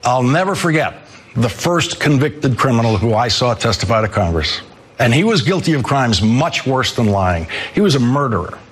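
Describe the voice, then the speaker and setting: A husky-voiced man in his sixties anchors a news show, delivering a scripted commentary with measured, emphatic pacing and repeated phrases for weight. His pitch sits in an ordinary middle range. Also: very animated. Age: 60s. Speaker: news host. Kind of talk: televised commentary monologue.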